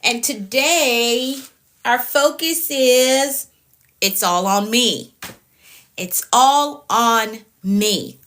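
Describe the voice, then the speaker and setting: Woman, late 30s, productivity coach doing a live stream, bright tone, firm and repetitive delivery. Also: on the high side, very slow. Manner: repetitive, firm, tags lines with okay.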